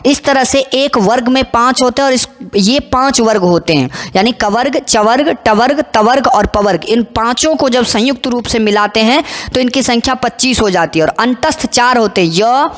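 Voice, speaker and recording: Slow-reciting woman teacher with hall reverb. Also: on the high side. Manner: slow, deliberate recitation of Sanskrit examples. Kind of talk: explanatory lesson on Sanskrit letters.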